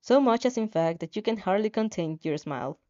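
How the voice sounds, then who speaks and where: A woman reading fan fiction narrates a second-person story expressively and informally, stumbling over the lines. Her medium-pitched voice is brisk and dark, and the sound is lo-fi.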